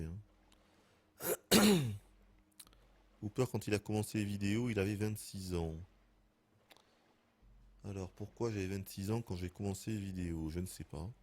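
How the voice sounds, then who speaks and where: Excitable man streaming a game. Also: lowish voice. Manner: excitable, laughs and swears often. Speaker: gaming streamer. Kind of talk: casual gameplay commentary.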